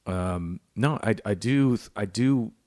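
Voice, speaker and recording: Low-voiced man in earnest casual chat. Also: slow, darkish tone, dry recording, studio quality. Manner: earnest, rambling, swears casually. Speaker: podcast co-host.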